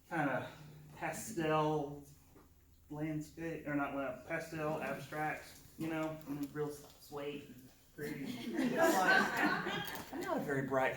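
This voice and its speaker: A man's voice: fairly high pitch, a bit bright. A man who is a guest artist, chatting casually and with self-deprecating humor while answering audience questions at a painting demo. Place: meeting room before a seated audience. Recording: echoey room, distant mic, audience noise.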